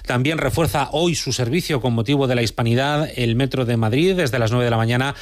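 A man from reads the afternoon news at a quick clip. His voice sits in a middle register, and his delivery is measured and even. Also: medium pitch. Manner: brisk, measured newsreader delivery. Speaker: news anchor. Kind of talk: radio news reading.

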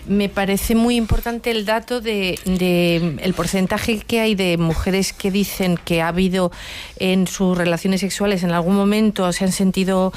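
A woman speaking as a panelist on a radio discussion, measured and citing figures. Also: medium pitch, steady tone, darkish tone, slight background noise.

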